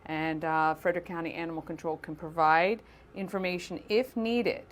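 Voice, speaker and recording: A woman's voice: fairly low pitch, steady tone, moderate pace. A woman hosting a local morning show, talking in an upbeat, chatty way. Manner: upbeat, chatty, coos at animals. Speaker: host. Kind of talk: morning show host segment.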